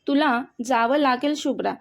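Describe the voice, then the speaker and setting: A woman's voice: sits high, normal speed. A woman voicing a stern elderly grandfather who heads the household, speaking firmly in a storybook reading. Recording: dull, muffled audio.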